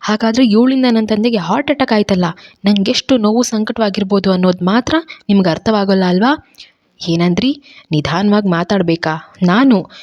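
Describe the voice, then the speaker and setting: A woman's voice: medium pitch, fairly quick, dry recording, lo-fi sound, pitched above the performer's own voice, close to an everyday voice. A woman storyteller voicing an angry young husband who hurls harsh, scornful reproaches. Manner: shouting reproaches, scornful questions.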